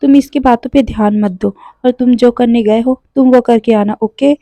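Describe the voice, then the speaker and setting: A woman voicing a calm motherly woman. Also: fairly high pitch, normal speed, no echo, close to an everyday voice. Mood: gentle. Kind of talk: storytelling voice acting.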